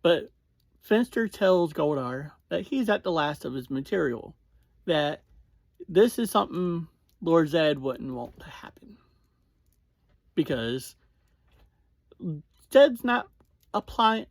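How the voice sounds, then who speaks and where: A podcast host recaps and reviews an episode casually and conversationally, speaking slowly in halting, short phrases. The medium-pitched, creaky voice is recorded close and dry, with very little room sound and no echo.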